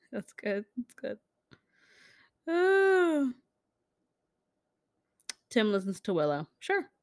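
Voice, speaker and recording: A woman's voice: mid-range voice, measured pace, pauses often, no echo, clean studio sound. A woman hosting a podcast, reading fan comments in a loose, casual chat, swearing freely and laughing often. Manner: acts out quoted characters in jumped-up voices. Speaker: podcast host.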